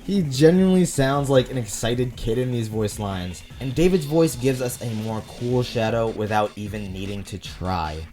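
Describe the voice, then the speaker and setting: A man's voice: medium pitch, moderate pace, hardly any pauses, warm tone, faint music behind. A young man hosting a video essay, reading scripted commentary.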